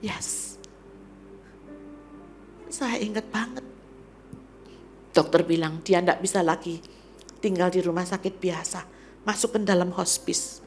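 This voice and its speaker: A middle-aged woman evangelist preaching a sermon to a church congregation. She swings from loud exclamations to hushed whispers. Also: on the low side, slow pace, long pauses, faint music behind. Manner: often addresses the congregation as "saudara". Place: church service.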